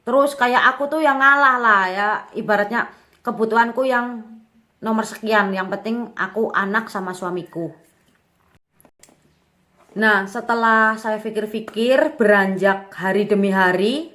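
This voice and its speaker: A woman's voice: mid-range voice, a bit bright. Young mom in her 20s just chatting about her life, candid, rambly, lots of fillers. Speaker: young mother vlogger. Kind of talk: casual personal storytelling.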